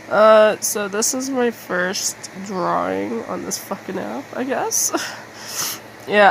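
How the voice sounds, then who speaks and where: An artist who makes videos talks through a casual, rambling vlog at an unhurried pace, her mid-pitched voice often slipping into creaky fry. She speaks haltingly, running herself down with some mild swearing. The poor audio carries a faint hum of room noise.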